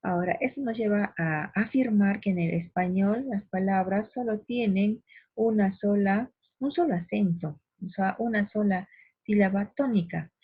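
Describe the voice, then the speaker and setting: A woman teaching a grammar lesson, patient and explanatory, slowing down to stress syllables and speaking directly to the listener. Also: mid-range voice, no room sound. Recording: dry phone-like recording, husky.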